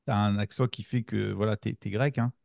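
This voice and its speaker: A man hosts a relaxed podcast in a gravelly, dark voice, recorded dry and close. He talks bluntly, stumbling through drawn-out fillers. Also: lowish voice, no room sound. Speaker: podcast host. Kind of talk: casual podcast chat.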